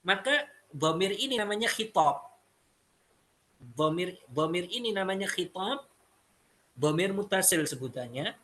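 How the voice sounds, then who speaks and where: A man's voice: high voice, bright, forceful tone, a little hiss or hum. A man teaching an Arabic lesson, explaining step by step and repeating phrases. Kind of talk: classroom lesson.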